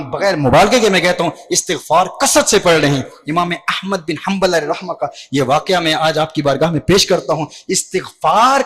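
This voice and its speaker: Male preacher, high voice, dramatic storyteller, heavy repetition. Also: a bit bright, slightly rough. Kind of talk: sermon.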